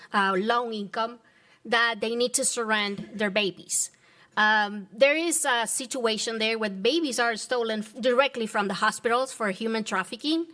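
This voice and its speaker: Woman from the dominican republic, kinda high voice, earnest and halting public comment. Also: fairly bright tone. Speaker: resident giving public comment.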